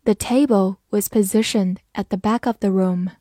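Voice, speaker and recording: A woman teaching English vocabulary in a scripted lesson, spelling words letter by letter and reading example sentences slowly. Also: medium pitch, fairly even intonation, dark tone, no echo, clean studio sound.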